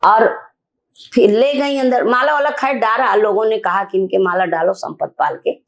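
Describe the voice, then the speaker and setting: An older woman activist telling a story in an interview, animated and indignant, acting out the dialogue. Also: mid-range voice, moderate pace, creaky. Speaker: activist guest.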